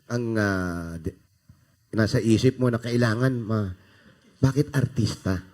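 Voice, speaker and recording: A man hosting a TV variety show, asking halting, probing interview questions. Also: fairly low pitch, darkish tone.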